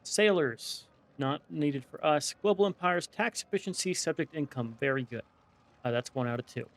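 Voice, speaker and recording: A man's voice: a little high, normal speed, fairly bright tone. A man with a slight lisp from wearing a dental retainer, giving casual let's play commentary as he thinks aloud and weighs options one by one. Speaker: gaming video host.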